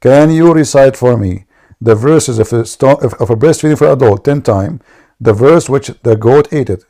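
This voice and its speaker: Speaking slowly in a warm, mid-range voice, this host of a call-in debate show spars live with a caller. He keeps repeating his questions and passes along what the caller says to listeners in English and Arabic.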